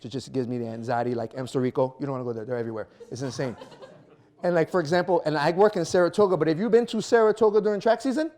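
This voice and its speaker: A man in his thirties doing a stand-up comedy set, animated and self-mocking, acting out little scenes. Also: on the high side, racing. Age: 30s. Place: small performance venue before a live audience.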